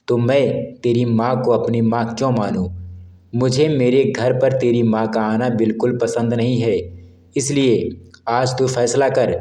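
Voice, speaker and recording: A man's voice: mid-range voice, mellow, close to an everyday voice. A man voicing an angry young husband who harshly scolds his wife in a narrated story. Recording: roomy echo.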